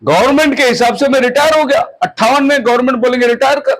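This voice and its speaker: A man in his fifties, a pastor, preaching at a house prayer meeting, exhorting his listeners and slowing down on English phrases. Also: extremely high pitch, a bit bright, poor audio. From India. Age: 50s. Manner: exhorting, mixes English phrases and slows on them.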